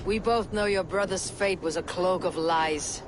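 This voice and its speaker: A woman's voice: fairly low pitch, a little slow, background noise, natural voice. An actress playing a direct, terse Viking warrior woman questioning people in a video game. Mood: firm. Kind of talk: video game character acting.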